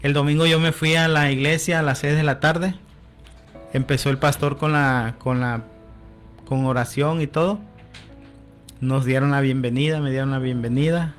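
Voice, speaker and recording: A man's voice: mid-range voice, fairly even intonation, moderate pace, faint music behind. A man telling his personal testimony as a radio guest, often adding "amén" and quoting conversations. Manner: storytelling, with frequent "amén" and quoted dialogue.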